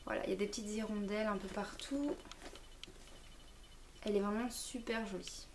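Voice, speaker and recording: A woman's voice: mid-range voice, steady tone, normal speed, darkish tone, slight background noise. A young woman vlogging a casual unboxing at home, chatty and hesitant with lots of fillers, a little far from the camera. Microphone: camera mic, a little far.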